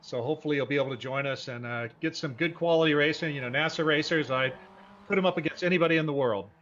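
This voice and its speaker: A man hosts and commentates a live sim racing broadcast in an informal, folksy, enthusiastic style. His voice is on the high side, quick and fairly bright, and the dull lo-fi broadcast audio has a little hiss or hum.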